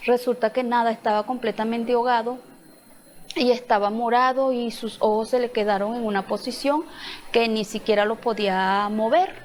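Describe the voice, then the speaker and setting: Woman, church testimony, emotional storytelling, fairly high voice, acts out dialogue. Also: steady tone, normal speed. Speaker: testimony speaker.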